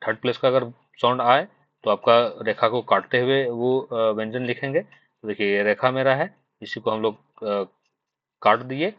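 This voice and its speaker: A Hindi-speaking man from Jharkhand teaches shorthand in an online exam-prep lesson at an everyday pitch. He explains patiently and repetitively, going back over each point with lots of fillers and "thik hai" checks. His voice is close and dry with a slightly dull, muffled tone, in a dry recording.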